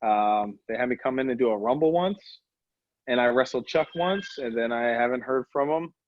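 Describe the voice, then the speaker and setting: A man's voice: medium pitch, moderate pace, dry recording, phone-quality sound. A man who wrestles professionally, telling backstage stories in a casual interview over a video call and acting out what others said. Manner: animated storyteller, acts out others' lines.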